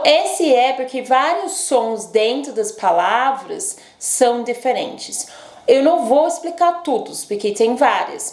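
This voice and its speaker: A woman's voice: a little high, creaky, a little mellow, echoey room. A woman from London, a native English speaker with an English accent, teaching an online English lesson in Portuguese and checking in with "ok?" as she explains. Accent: English, close to RP, speaking Portuguese as a second language. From England, London. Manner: explains patiently, often checks in with "ok?".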